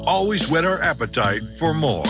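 A man's voice: a little high, big pitch swings, normal speed. A man narrating a mock-heroic tribute ad in a solemn, grandiose announcer style. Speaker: announcer of a comic radio promo. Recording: loud music bed behind.

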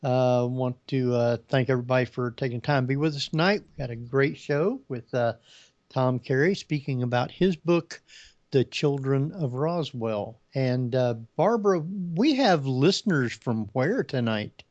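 A man hosting a casual radio talk show, with a hesitant, halting delivery. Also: medium pitch, animated, a little mellow. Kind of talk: casual live radio interview. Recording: dull lo-fi radio feed.

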